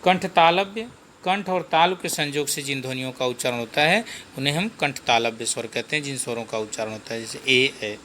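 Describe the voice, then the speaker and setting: A man giving a Hindi grammar lesson, slow and repetitive, posing questions to the class and answering them himself. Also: mid-range voice, pushed and bright, slight background noise.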